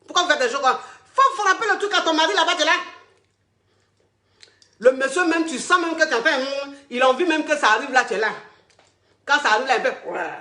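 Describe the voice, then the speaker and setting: A woman's voice: high voice, expressive, fast, long pauses, sharp tone, echoey room. A woman, coaching callers on a live stream in a crude, teasing, repetitive way and often laughing. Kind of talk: livestream advice chat.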